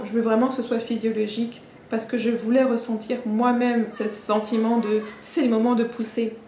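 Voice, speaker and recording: Woman telling a story, echoey room. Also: medium pitch. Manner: warm, halting retelling with many restarts and fillers. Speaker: vlogger. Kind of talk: personal storytelling vlog. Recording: echoey room with faint ambient noise.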